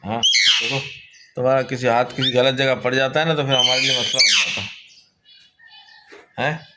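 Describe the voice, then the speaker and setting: A man's voice: mid-range voice, fairly even intonation, normal speed. A man chatting casually in a pet vlog, greeting viewers and cooing to his pet birds. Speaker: vlogger. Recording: loud background noise with bird squawks.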